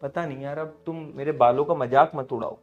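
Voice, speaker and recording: High-voiced young man scolding an online class. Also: steady tone, fairly quick, phone-quality sound, soft background music. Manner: scolds students in a loud, rising voice, then drops soft and low. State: unwell, sore throat. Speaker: online tutor.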